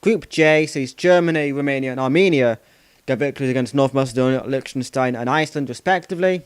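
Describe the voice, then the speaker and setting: Speaking quickly in a mid-range voice that's clear and resonant, with no echo, a man recaps football results for his channel. It's casual and rambling, peppered with "of course," and he frequently halts to set himself straight.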